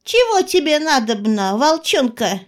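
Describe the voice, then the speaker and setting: A woman's voice: high voice, big pitch swings, a little slow, voice pushed up. A woman voicing a bold, cheeky young village girl in an audiobook, speaking in a teasing singsong. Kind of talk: audiobook character voice.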